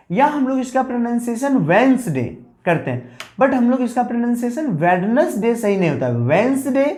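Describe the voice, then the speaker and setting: A woman's voice: medium pitch, a little mellow. A woman giving an English spelling lesson, spelling words out letter by letter and often addressing her students as "guys". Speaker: English teacher. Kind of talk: classroom lesson explaining spelling rules.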